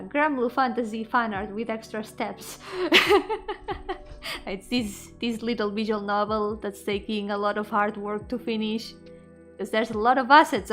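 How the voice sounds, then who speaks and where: Streaming alone indoors with music behind her voice, a VTuber and indie game developer chats casually in a medium-pitched, fairly bright tone. She's effusive and giggly, frequently repeating words and trailing off.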